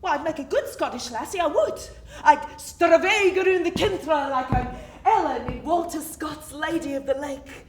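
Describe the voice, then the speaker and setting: A woman playing a romantic, dramatic, self-mocking teenage girl named Mary in a one-woman stage monologue, theatrical and swinging between giddy and hushed. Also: sits high, unhurried, recorded from a distance, slight background noise. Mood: dreamy. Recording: roomy stage sound from afar, music.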